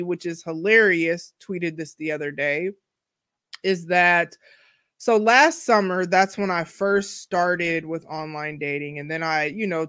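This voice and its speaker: A woman in her forties hosts a casual solo podcast, talking candidly in a chatty, slangy monologue full of asides. Her voice is fairly low and fairly bright, in a dry, studio-quality recording.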